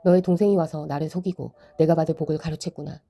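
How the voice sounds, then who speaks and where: A woman's voice: low voice, steady tone, fast, mellow, soft background music. A woman reading the lines of an aged, solemn patriarch father in a Bible reading.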